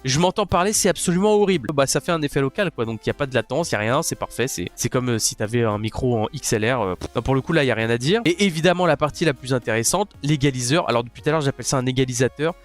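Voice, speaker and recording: Fast-talking, crude, joking man. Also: medium pitch, expressive, soft background music. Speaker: headset reviewer. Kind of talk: casual product review. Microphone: gaming headset mic.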